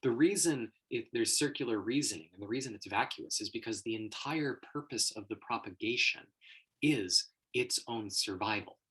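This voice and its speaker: A man's voice: mid-range voice, moderate pace, a bit bright, husky, poor audio. A man talking casually as host, explaining an idea at length, laughing often and acting out quoted voices. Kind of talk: casual explanatory livestream talk.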